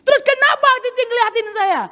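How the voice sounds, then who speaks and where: A woman preacher voicing a tearful, accusing young woman dancer in a high, aggrieved voice, in a reverberant hall. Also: a little fast, bright, forceful tone.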